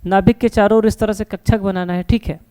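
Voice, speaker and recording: Smooth-voiced man teaching with quiz-and-answer patter. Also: high-pitched, fairly even intonation, brisk, mellow. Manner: asks questions and answers them himself, calls listeners "beta" and "sir"; reassuring, repeats "no problem". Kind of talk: classroom science lesson at a board.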